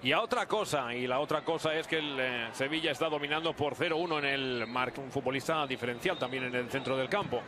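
A man doing live football play-by-play, excitable and surging into drawn-out shouts at goals. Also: medium pitch. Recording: very noisy outdoor stadium ambience.

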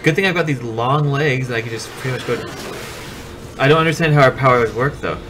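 A man's voice: medium pitch, fast, fairly bright tone, a little hiss or hum. A man commentating a video game in casual banter, sarcastic and crude, swearing often. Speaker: gameplay commentator. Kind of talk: casual let's play banter.

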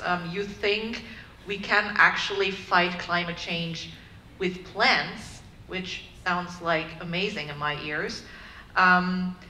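A woman in her thirties moderates a panel discussion in a conference room before an audience, her voice low-ish, pushed and bright. She sounds upbeat and sprinkles her questions with "um" and "kind of." The room is echoey with faint background noise.

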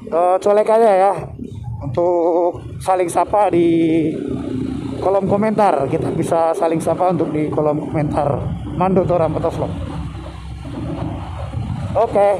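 Man, high-pitched and friendly, riding commentary over heavy wind and traffic roar. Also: fairly even intonation, measured pace, long pauses. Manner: chatty, addresses viewers as friends. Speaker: motovlogger. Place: on a motorbike on a busy road. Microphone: helmet mic with wind noise. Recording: loud wind and traffic noise.

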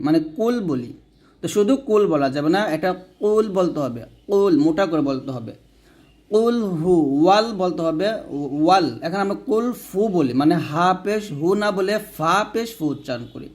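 A man with a rather high but darkish-toned voice gives a step-by-step Quran recitation lesson. He spells out the letters one at a time, breaks each verse into words, and recites slowly in a drawn-out chant. He then repeats phrases for the listener to say back after him.

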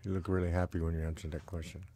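A man in his mid forties asking a friend simple personal questions in a recorded interview, in a plain, hesitant way with many pauses. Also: sits low, little pitch movement, dark tone, slight background noise. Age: 40s. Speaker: interviewer, geology student. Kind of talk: casual personal conversation. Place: small recording booth.

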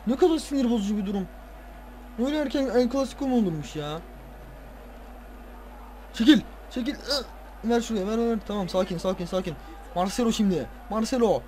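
A tired man playing a football video game, casually commenting, swearing and ranting at the players with excitable outbursts. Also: very high-pitched, brisk, a little hiss or hum. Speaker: gaming video creator.

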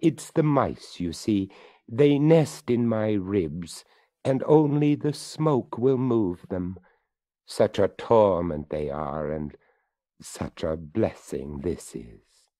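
A man's voice: on the low side, lively intonation, slow, warm tone, no room sound, studio quality, pitched above the performer's own voice. A man doing a courteous old skeleton. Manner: formal, polite. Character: courteous old male skeleton, gently pleading. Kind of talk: storybook reading.

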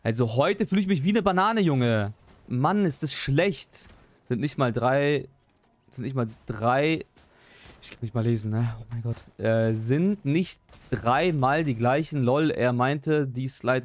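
A young man chatting live while he plays a game, excitable, repeating his exclamations and joking at his own expense. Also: mid-range voice, takes it slowly, no echo. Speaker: gaming streamer. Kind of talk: live gameplay stream chat.

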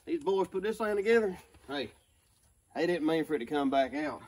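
Working outdoors in a rural yard to free an old bus, a male vlogger chats casually, drawling and whooping in this work vlog. His voice is on the high side, expressive and darkish in tone, at a moderate pace.

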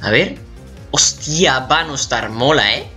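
Lively, bright-voiced Spanish man. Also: mid-range voice, slow pace, soft background music. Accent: Spain Spanish. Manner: animated, swearing, squeals in mock shock. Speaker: gaming YouTuber. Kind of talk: casual reaction commentary.

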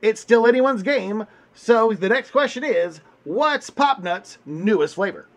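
Guy hosting puppet game show, high voice, swoops up and down a lot, big showman vibe. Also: expressive, measured pace. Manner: bombastic showman. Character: orange furry host puppet. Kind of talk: puppet comedy.

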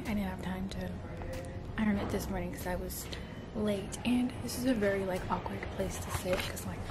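A young woman vlogging her day on her phone camera, chatty and a little self-conscious, with lots of "like". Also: medium pitch. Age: young adult. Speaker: vlogger, community college student. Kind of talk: casual day-in-my-life vlog. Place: campus library, then home. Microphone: phone camera at arm's length.

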